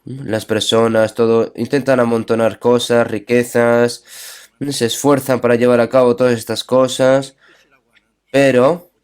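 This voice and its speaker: Scripture readings anchor this man's sermon, delivered in a darkish, mid-range voice. Along the way he asks rhetorical questions and keeps engaging listeners with brief tag questions.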